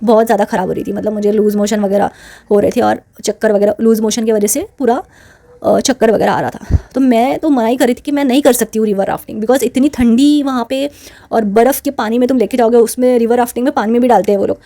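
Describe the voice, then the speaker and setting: A woman's voice: on the high side, steady tone, quick pace, mellow. A woman hosting her channel, telling a personal story in a chatty, indignant way and mixing English words into her Hindi. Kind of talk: casual storytelling to camera.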